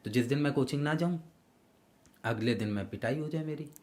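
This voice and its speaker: A man who works as an anchor and voice artist, talking as a guest in a casual podcast interview and telling anecdotes in a lively way. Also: medium pitch, brisk. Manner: lively anecdotal storyteller, explains patiently.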